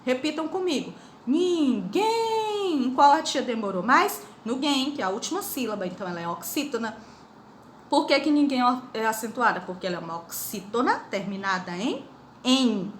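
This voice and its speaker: A middle-aged Brazilian woman teaching a grammar lesson to schoolchildren, explaining slowly and asking the pupils questions. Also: fairly high pitch, big pitch swings. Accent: Brazilian Portuguese. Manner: slow, drawn-out explanations with repeated questions to pupils. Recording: echoey room with faint noise.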